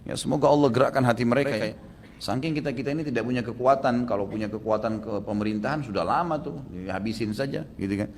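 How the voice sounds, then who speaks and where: Man, preacher answering questions, rapid delivery, reverberant hall. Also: mid-range voice, a little hiss or hum. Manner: animated, emphatic, rising to forceful exclamations. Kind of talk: Islamic Q&A lecture. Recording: long hall reverb, faint ambience.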